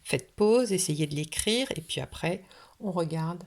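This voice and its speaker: A woman teaches phonics to young children in a video lesson. She has a low, gravelly voice and talks slowly and patiently, breaking words into syllables. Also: animated, a little mellow. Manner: slow, patient, sounding out syllables. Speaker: kindergarten teacher. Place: French classroom or home, recorded for video.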